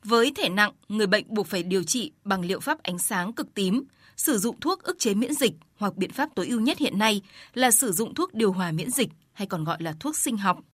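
A woman reporter reading scripted news narration in a steady, formal way. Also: mid-range voice, brisk, breathy edge, no room sound.

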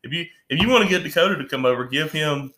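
Sitting at his own home bar, a man co-hosts a casual podcast chat, joking and spinning drawn-out stories punctuated by frequent laughs. His voice runs on the high side, expressive, pushed and bright.

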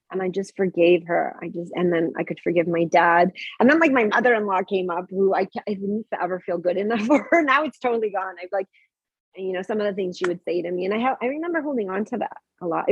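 A woman in her thirties tells a candid personal story in a breathy, slightly husky voice. She gets animated and acts out remembered dialogue. The sound is close and dry, with a dull, muffled tone. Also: on the low side, no echo. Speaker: podcast guest.

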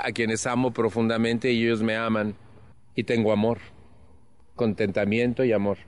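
A man in his seventies with a Mexican accent tells his own story to a support group. He speaks earnestly and with animation, and he drops in blunt slang as he goes. His voice sits at an ordinary middle pitch. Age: 70s. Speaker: Al-Anon speaker. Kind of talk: personal testimony talk.

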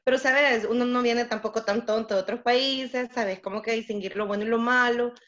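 A woman's voice: on the high side, steady tone, moderate pace, a bit bright. A woman from El Salvador chatting as a guest, reflective and rambling. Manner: reflective, talks in loose rambling sentences. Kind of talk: casual chat. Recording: dull lo-fi audio.

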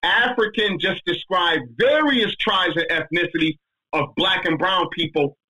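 A man in a casual discussion, talking in an emphatic, slangy, animated way as he answers a question. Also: sits high, measured pace, husky, rough recording.

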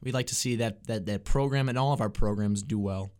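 A man's voice: fairly low pitch, brisk, darkish tone. A young man, a student reporter, hosting casual sports talk, often repeating words and restarting as he works through his thoughts. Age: young adult.

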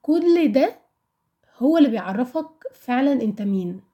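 A woman's voice: sits high, animated, moderate pace, lo-fi sound. A woman of about twenty with an Egyptian Arabic accent, talking casually and candidly to listeners about personal experience, often asking questions and answering them herself. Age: around 20.

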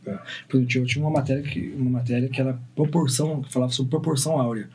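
A man's voice: mid-range voice, steady tone, racing, warm tone. A man with a Brazilian Portuguese accent telling stories casually in an interview, informally repeating and rephrasing as he goes. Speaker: interview guest, designer and videographer. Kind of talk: casual conversational storytelling.

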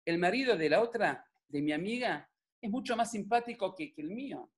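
A joking Argentine man with a high-sitting voice speaks a little fast, telling a story in Rioplatense Spanish. It's a humorous storytelling talk on a religious subject, filmed at home on camera. He's animated and jokey, with many asides to the audience.

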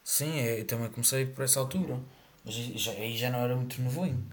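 A man's voice: mid-range voice, quick pace. A young man with a European Portuguese accent, chatting informally in slang as a podcast co-host. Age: young adult. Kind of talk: casual chat.

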